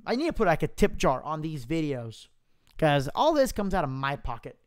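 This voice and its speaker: A man presenting a software demo in a casual live tutorial, informally thinking aloud into a close mic with popping plosives. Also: a little high, very animated, normal speed, clear, resonant tone. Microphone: close mic without pop filter, popping plosives.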